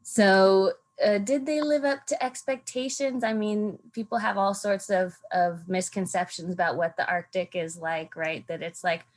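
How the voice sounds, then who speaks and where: A woman's voice: medium pitch, steady tone, normal speed, hardly any pauses. A young woman from Alaska, a podcast guest, talking earnestly about travel and home in a casual interview with frequent ums. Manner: earnest, thoughtful, many ums.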